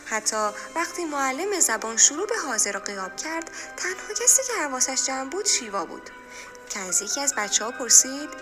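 A woman's voice: high-pitched, very animated. A woman narrating a story expressively. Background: music.

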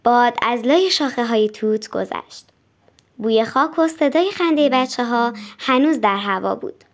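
A woman narrating a children's audiobook in a gentle, even storytelling manner. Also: a little high.

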